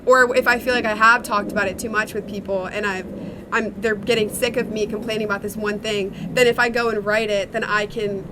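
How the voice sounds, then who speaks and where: Speaking a little fast over some background noise, a young woman with a mid-range, steady voice reflects on interview questions. She's chatty and uses many fillers. She writes songs and sings in a duo with her sister.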